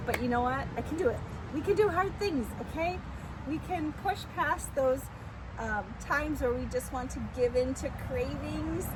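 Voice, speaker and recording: A woman's voice: on the high side, noisy background. A woman talking candidly and chattily in a casual vlog, giving herself encouragement like a pep talk. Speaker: vlogger, amateur physique competitor.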